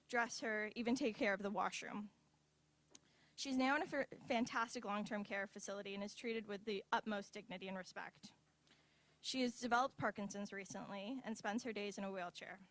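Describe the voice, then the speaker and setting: A woman's voice: mid-range voice, fairly bright tone. A woman in her twenties giving an earnest, heartfelt personal speech at a university symposium, with light asides. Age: 20s. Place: university event hall.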